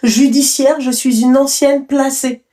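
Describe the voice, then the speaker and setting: A woman's voice: high-pitched, fairly even intonation, measured pace, warm tone. A woman hosting a live talk show, giving a caller direct, affectionate advice.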